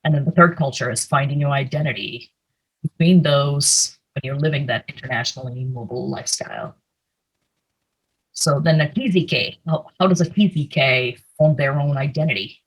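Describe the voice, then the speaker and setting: A young woman from India with a very deep, husky voice gives a conversational slide presentation over a video call at a moderate pace, using plenty of fillers. It's picked up by a computer mic, and the recording is rough.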